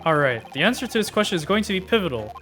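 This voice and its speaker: A woman lowering her voice to play a confident young male lawyer who coaches his partner with calm assurance. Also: rapid-fire, slight background noise. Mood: assured. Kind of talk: amateur game voice-over.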